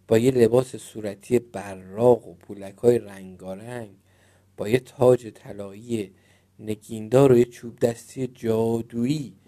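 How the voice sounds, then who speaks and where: A man reading a children's fairy tale aloud, gentle and expressive. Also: medium pitch. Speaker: storyteller.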